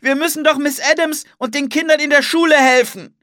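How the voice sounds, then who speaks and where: A storybook reader voicing a worried young girl who pleads urgently, shouting in alarm. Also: mid-range voice, a little slow, breathy edge, no echo, clean studio sound. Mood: alarmed pleading. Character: frightened young girl, earnest and caring. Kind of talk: audiobook character voice.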